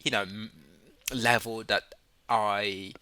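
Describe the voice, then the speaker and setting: Male vlog host, non-native English, lowish but very sharp tone, halting, repetitive, casual delivery. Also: flat delivery, clean tone. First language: not English. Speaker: YouTube host and English learner. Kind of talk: casual unscripted recommendation.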